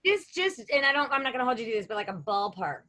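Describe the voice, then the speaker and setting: A woman's voice: fairly high pitch, sing-song, fast, pushed and bright. A woman co-hosting a podcast, blunt and teasing, swearing casually in chat. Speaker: podcast co-host.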